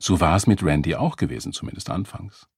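A man narrates a thriller audiobook in a measured, expressive storytelling manner. His voice is low and gravelly with a husky grain. It sounds dry and close, with no room around it. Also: no room sound. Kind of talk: scripted narration.

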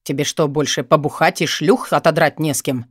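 A man voicing a sullen, weary young man who answers bluntly and flatly. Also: fairly high pitch, brisk, breathy edge, no room sound, studio quality. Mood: weary, curt. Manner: flat, terse, irritated.

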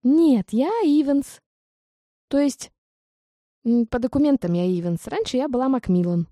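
A woman's voice: high voice, measured pace, mellow, dry recording, clean studio sound, voice pushed up. A woman voicing a flustered rambling heroine. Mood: nervous. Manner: nervous rambling chatter.

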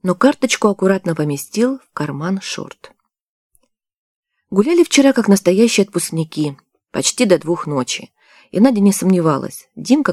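An audiobook narrator reading a novel in a steady storytelling manner on a close studio mic. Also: medium pitch, dry recording. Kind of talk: scripted narration.

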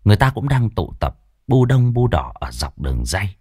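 A man's voice: lowish voice, big pitch swings, normal speed, darkish tone, breathy edge, no room sound, studio quality. A man narrating a horror story expressively.

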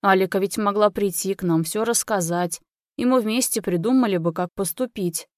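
A woman voicing a middle-aged father, a doctor, who speaks calmly and pleadingly in a story reading. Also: mid-range voice, normal speed, no echo, studio quality, lightly acted. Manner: calm, reasoning, pleading.

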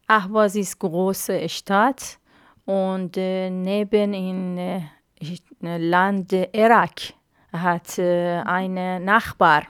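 A woman's voice: lowish voice, fairly even intonation, clean tone, no echo, clean studio sound. A woman, in Arabic and Persian, speaking hesitantly in a radio interview, with many fillers. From Iran. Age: 50s. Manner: halting, hesitant learner's speech with many fillers. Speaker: interview guest.

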